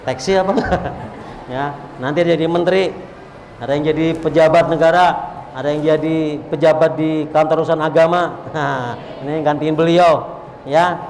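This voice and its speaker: A male preacher, preaching a lively sermon and calling out to the crowd. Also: fairly high pitch, normal speed. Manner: animated, repetitive, calls out to the crowd. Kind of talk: religious sermon at a gathering. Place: large hall at a religious event. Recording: echoey hall, faint background noise.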